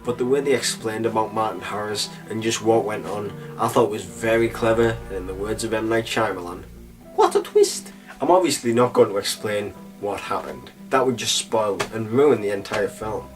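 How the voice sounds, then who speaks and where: Young dude chatting through a movie review, lowish voice, kinda far from the mic, music going behind. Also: male voice, moderate pace, few pauses. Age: young adult. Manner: chatty and loose, with filler phrases. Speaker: film reviewer. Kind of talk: casual spoken movie review.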